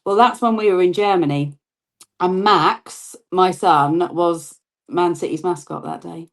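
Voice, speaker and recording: A woman's voice: lowish voice, a little slow. A middle-aged woman chatting casually as a podcast guest, often ending on tag questions. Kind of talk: casual chat.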